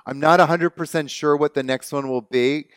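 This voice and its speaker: A man's voice: on the high side, moderate pace, smooth, no echo. Canadian male webinar host, easygoing and chatty; clean, resonant voice with a dry close mic. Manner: relaxed, chatty, laughs easily. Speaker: webinar host and movement teacher. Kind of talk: casual online webinar talk. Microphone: video call.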